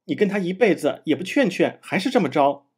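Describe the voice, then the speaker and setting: A frank young maid who scolds her spoiled master in an animated voice. The tone is husky, as a man takes her part. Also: fairly high pitch, fairly quick, full character voice. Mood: reproachful. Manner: reproachful.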